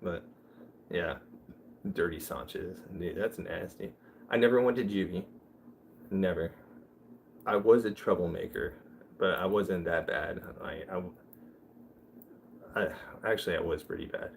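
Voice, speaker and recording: With a deep voice, vocal fry, and long pauses, a young man livestreams at a measured pace, telling loose, joking, meandering stories. A bit of hiss or hum can be heard.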